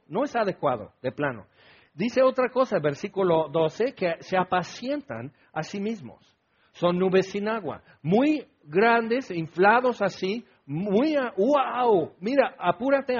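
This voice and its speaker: High husky guy preaching a sermon, muffled lo-fi sound. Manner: animated storytelling, bursts of loud acted quotes.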